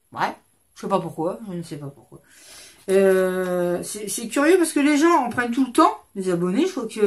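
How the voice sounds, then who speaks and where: A woman in her fifties, rambling and chatty, hosting a casual chat at her desk at home while showing crafts. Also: mid-range voice. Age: 50s. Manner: rambling, chatty, self-interrupting. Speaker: craft channel host.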